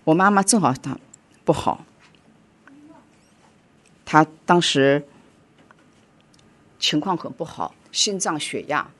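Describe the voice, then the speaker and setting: Middle-aged woman preacher, husky lowish voice, goes loud then quiet, emotional testimony. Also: takes it slowly, long pauses. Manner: emotional, swings between loud urging and quiet telling. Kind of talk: sermon with personal testimony.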